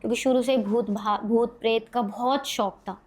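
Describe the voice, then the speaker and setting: A woman with a fairly high voice tells a podcast host a ghost story in short, vivid bursts. She talks casually and builds suspense line by line. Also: steady tone, normal speed. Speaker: podcast guest.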